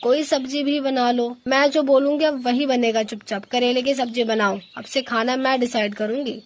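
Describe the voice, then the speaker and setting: A woman's voice: high voice, unhurried, a little hiss or hum. A woman voicing a bossy older female crow mother-in-law who scolds and gives orders in a cartoon. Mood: scolding. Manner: scolding, commanding. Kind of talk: cartoon voice acting.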